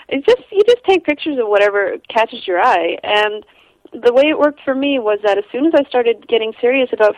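A young Icelandic photographer with an American accent chats as a guest in a casual interview, rambling with lots of restarts and easy laughs. Her voice is a little high. The recording has no echo, but the highs are cut off.

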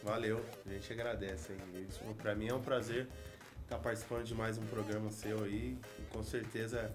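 A man's voice: on the low side, flat delivery, normal speed, over music. A Brazilian man in his forties chatting casually as a guest on a talk show. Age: 40s. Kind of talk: casual chat.

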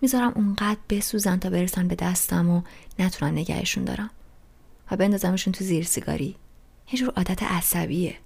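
A woman's voice: fairly low pitch, creaky, a little mellow, breathy edge. A woman reading a novel aloud in a plain, conversational first-person storytelling manner. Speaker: audiobook reader.

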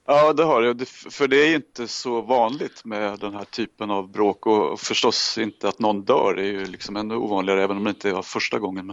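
Low-voiced man, dry lo-fi sound. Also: fairly even intonation, no echo. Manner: halting, with many fillers. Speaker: podcast panelist. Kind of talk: casual podcast discussion.

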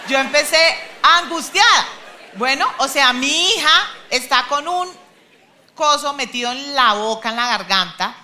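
A woman, a mother, telling a testimony at church in an animated way, laughing at herself. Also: high-pitched, unhurried, slight background noise.

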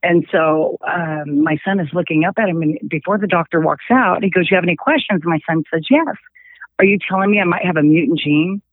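Middle-aged woman phoning in as a guest, casual and animated storyteller, narrow phone sound. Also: on the low side, brisk, no room sound. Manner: animated, acts out quoted dialogue. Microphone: telephone. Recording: tinny phone line.

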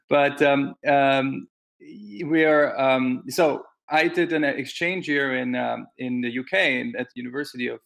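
Over teleconference call audio, an Austrian man in his forties answers interview questions as a guest. His medium-pitched voice is gravelly and a bit bright, and he hesitates with many fillers and restarts.

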